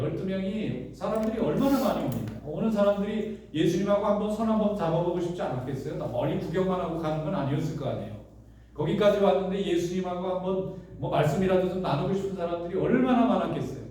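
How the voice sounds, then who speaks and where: A man's voice: high voice, warm tone. A man who pastors a church, preaching a sermon in a conversational storytelling way with many rhetorical questions. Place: church sanctuary. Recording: echoey church hall, voice from a distance.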